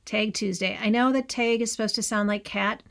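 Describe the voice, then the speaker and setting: A woman's voice: on the high side, fairly even intonation, brisk. A woman with a Midwestern accent hosting a casual crafting tutorial, chatty and gushing, with asides to the viewer. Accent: Midwestern American. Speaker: craft channel host.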